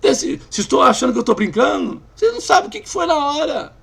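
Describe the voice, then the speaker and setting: A man's voice: extremely high pitch, sing-song, fast, creaky, a bit bright. A man preaching a testimony in a storytelling manner, acting out the people in it. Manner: storytelling, acts out the people he tells of, emphatic.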